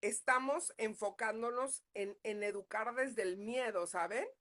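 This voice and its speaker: A woman's voice: on the high side, unhurried, a bit bright. Woman, psychologist, parenting class, conversational, keeps checking in with listeners. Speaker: psychologist leading a parenting talk. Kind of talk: live online parenting class.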